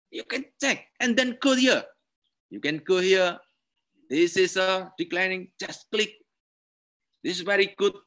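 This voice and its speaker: A university lecturer with an Indonesian accent gives a webinar tutorial with a screen-share demonstration, in a voice on the high side that is bright and forceful. He speaks slowly and repetitively in simple non-native English, punctuating it often with "okay."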